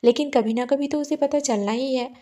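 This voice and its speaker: A woman voicing an earnest, gentle young husband in a spoken love story. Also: sits high, normal speed, lightly acted. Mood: earnest, tender. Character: young man, caring husband.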